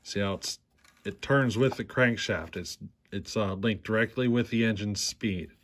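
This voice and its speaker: Low-voiced man explaining a repair. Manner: plain, unhurried explaining with frequent "see how" prompts. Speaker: chainsaw repair channel host. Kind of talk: hands-on repair demonstration. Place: workshop bench.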